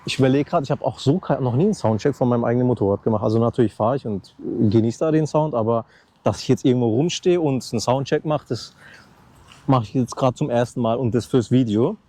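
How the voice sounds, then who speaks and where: A motorcycle vlogger in his thirties talks fast in a mellow, mid-range voice, holding a handheld mic close to his mouth. He's outdoors next to a loud motorcycle, rambling through a casual, unscripted vlog and restarting his sentences, with no room sound on the recording.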